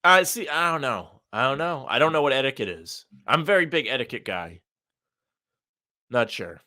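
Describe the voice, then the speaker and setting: Man, podcast co-host, casual live-stream chat, hesitant, low energy, bright tone. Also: expressive, normal speed. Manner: hesitant, keeps saying he doesn't know.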